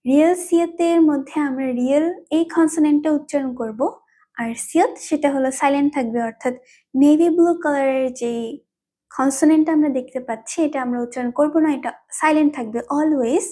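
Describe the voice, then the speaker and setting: Patient high-voiced woman teaching slowly. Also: mellow. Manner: patient, repeats each term slowly three times; repetitive. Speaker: language teacher. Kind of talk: explaining a language lesson.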